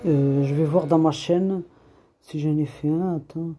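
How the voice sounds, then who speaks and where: A man's voice: on the high side, fairly even intonation, unhurried, mellow, a little hiss or hum. A man giving an informal religious reminder online, rambling and repeating himself, scolding in a streetwise way and dropping Arabic religious phrases into his talk.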